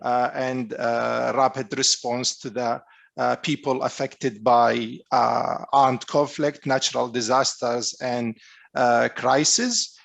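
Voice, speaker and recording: A middle-aged man from Iraq introducing himself on a panel, pausing often with filler sounds. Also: medium pitch, steady tone, gravelly. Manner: hesitant, many filler sounds. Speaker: UNICEF emergency response worker.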